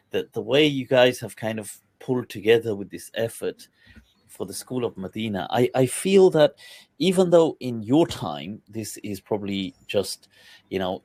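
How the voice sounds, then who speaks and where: A man's voice: on the low side, a little mellow. A man hosting a live online interview, effusive and exclamatory, stretching out his words. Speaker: host. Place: lives in England.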